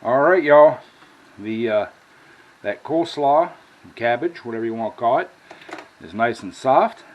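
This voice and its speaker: A man's voice: medium pitch, animated, a little slow, lo-fi sound. An American man hosting a casual home cooking vlog, talking to viewers in a folksy, plain-spoken way. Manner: folksy, addresses viewers as y'all. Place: indoor home kitchen. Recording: clear background noise, kitchen ambience.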